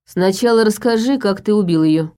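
A woman's voice: mid-range voice, normal speed, dark tone, clean tone, lightly acted. A woman voicing a possessed young man who taunts his captive in a cold, mocking way, in an audiobook. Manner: taunting, menacing.

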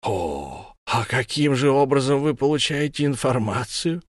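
A man voices a lisping alien interrogator in a sci-fi audiobook, pitched high and swinging up and down as he questions a prisoner with mocking condescension. It is a dry, close reading with no room sound. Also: lively intonation, measured pace, no echo. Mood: smug. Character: lisping humanoid alien interrogator, smug, menacing. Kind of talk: audiobook character voice.

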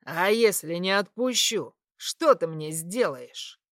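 Woman doing a cruel young male satyr, lowered voice, sneering, menacing, dry storybook reading. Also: expressive, measured pace, fairly bright tone, no room sound.

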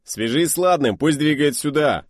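A man reading an audiobook voices a brash young seaplane pilot who is loud, rough-mannered and familiar. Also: a little high, expressive, moderate pace, dry recording, studio quality, voice pushed up. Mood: shouting.

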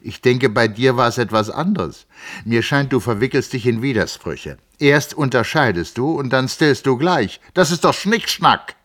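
A man's voice: mid-range voice, lively intonation, normal speed, fairly bright tone, voice pushed up, lightly acted. A man reading a stubborn young engineer. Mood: insistent, mocking. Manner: precise, argumentative, slightly sluggish.

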